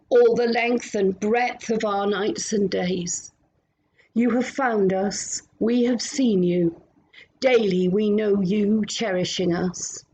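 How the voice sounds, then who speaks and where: A woman minister at home, leading a gentle, meditative prayer and reflection with long pauses. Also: mid-range voice, slight background noise, poor audio.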